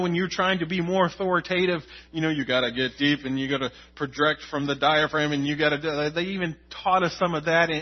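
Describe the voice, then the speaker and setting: A man's voice: on the high side, husky, highs cut off. A pastor preaching a sermon in a conversational way, repeating words to stress his points.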